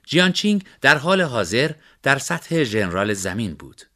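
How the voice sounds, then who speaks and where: A man narrating a story in a steady, measured way. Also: medium pitch.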